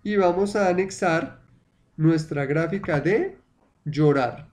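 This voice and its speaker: A male English teacher whose first language is Spanish talks through an online lesson. His voice sits slightly high and his delivery is slow and deliberate. He repeats words again and again so learners can drill them. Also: a little mellow, a little hiss or hum.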